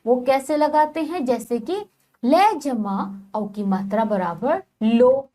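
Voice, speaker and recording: A woman giving a slow, patient phonics lesson to young children, spelling words out syllable by syllable. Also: on the high side, expressive, dark tone. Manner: repeatedly addresses the children. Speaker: teacher.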